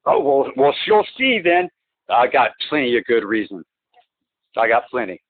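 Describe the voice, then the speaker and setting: Man, heard over a phone line, tinny and thin, dry sound, halting rambling speech, insistent. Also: medium pitch, huge pitch swings, vocal fry, no echo. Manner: halting and rambling, many restarts and repeated words; insistent, emphatic complaints. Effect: heard through a phone line. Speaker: client on a phone call. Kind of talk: phone conversation.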